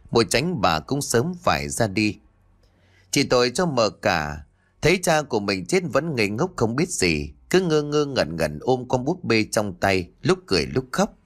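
A man narrating a ghost story dramatically. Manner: dramatic, with lively pitch swings.

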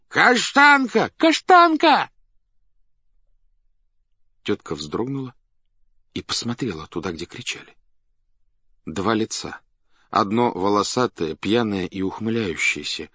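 A man narrating a classic story aloud in an expressive, theatrical reading style. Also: on the low side, no echo. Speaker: audiobook narrator. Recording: dull dry studio recording.

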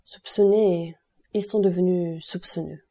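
Woman voicing a somber male prosecutor, calm and formal, low husky tone, storybook reading. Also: unhurried. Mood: grave calm. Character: grave grieving male royal prosecutor, calm and cool.

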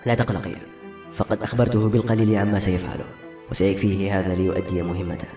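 A tender old woman of the woods, as a male storyteller puts her on, speaking low and calm with a motherly warmth. Her lines come quickly, with a slightly raised pitch. The audiobook-style recording has a roomy echo and faint music underneath. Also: natural voice. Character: old kindly woman living in a forest hut.

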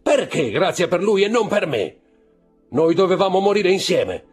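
A man voicing a terrified, desperate condemned young man who shouts and pleads frantically. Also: high voice, big pitch swings, normal speed, slightly rough, soft background music, voice pushed up, heavily acted.

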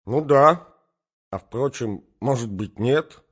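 A man's voice: mid-range voice, slow pace, husky, voice pushed up. A man voicing a befuddled elderly prince who agrees vaguely and loses his thread, in a dull lo-fi recording. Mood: bewildered.

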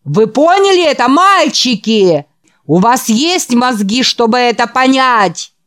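A woman reading an audiobook voices a frenzied male evangelist preacher, raised and loud, driving a call-and-response sermon. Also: a little high, expressive, slow pace, pitched above the performer's own voice. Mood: fervent. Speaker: preacher at a youth revival.

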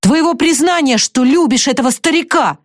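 A woman's voice: high-pitched, lively intonation, normal speed, no echo, pitched above the performer's own voice. Hot-headed young man in love, earnest and choked, voiced by a woman, dry sound. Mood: outburst.

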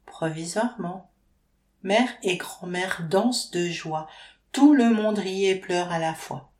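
A woman narrating an audiobook in a steady, even storytelling manner. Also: fairly low pitch, slow pace. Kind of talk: scripted narration. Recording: roomy echo.

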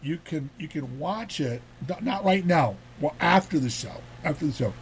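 A man's voice: on the high side, expressive, normal speed, slight background noise. A man hosting a casual talk show, rambling and repeating words as he talks. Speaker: host.

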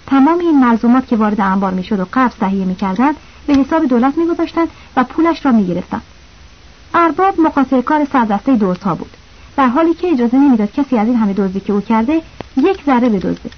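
A woman's voice: a little high, expressive. A woman narrating a novel as an audiobook, reading the characters' lines in her own voice with small shifts. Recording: slightly dull lo-fi audio.

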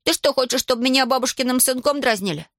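A woman voicing a stubborn, cheeky boy grandson in a read-aloud story, pitching her voice up high. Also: quick pace, dry recording, studio quality. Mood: coaxing. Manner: high bright boyish pitch.

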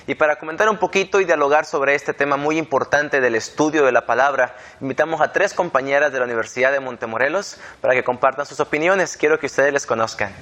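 A young adult man hosting a relaxed panel discussion, earnest and measured, repeating points for emphasis. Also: medium pitch. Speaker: host.

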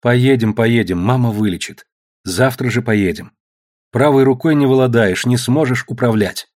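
A man's voice: mid-range voice, moderate pace, a little mellow, natural voice. A man voicing a firm, worried wife who cares for her wounded husband. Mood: urgent.

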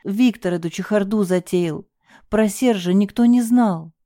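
Brief: hysterical young wife, shrill pleading, put on by a woman narrator, dark tone. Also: a little slow, no room sound, clean studio sound, natural voice.

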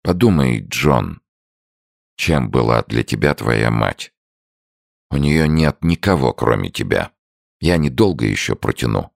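A man voicing a weary, gravely ill old father speaking solemnly to his son. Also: a bass voice, big pitch swings, measured pace, dry recording, clean studio sound, exaggerated voice. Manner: tired, solemn.

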